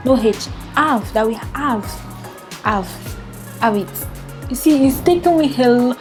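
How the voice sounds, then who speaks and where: A young Nigerian woman with a Nigerian accent chats casually to the camera in her vlog. She laughs often and fills her talk with "like." Her voice is fairly high with a darkish tone.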